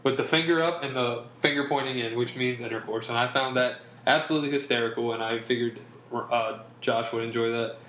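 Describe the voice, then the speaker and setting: Joking podcast co-host in echoey room. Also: male voice, medium pitch, steady tone, fairly quick, a bit bright. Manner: teasing, joking banter. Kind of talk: casual podcast chat. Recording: echoey room with faint background noise.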